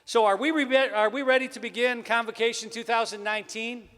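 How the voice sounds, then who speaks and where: A Wisconsin man with a Wisconsin accent emcees a college convocation in a large hall, where a long reverb trails his words. Fairly quick and fairly bright, with fairly even intonation, he gives upbeat announcements and jokes with a booming, sports-announcer-style intro.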